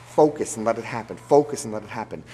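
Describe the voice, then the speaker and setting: A man's voice: lowish voice, fast, dark tone. A middle-aged man working as a stage hypnotist, giving commanding, repetitive, insistent instructions in a live show. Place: large theater stage before an audience. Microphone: handheld microphone through hall speakers. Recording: echoey hall, noisy crowd, camcorder audio.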